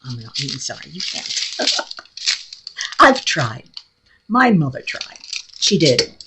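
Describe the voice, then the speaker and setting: Very deep-voiced and sing-song, a middle-aged New York woman chats slowly in her home craft room for a craft vlog. Her talk is casual, blunt, and rambling, full of laughter, with background noise behind her and a New York accent.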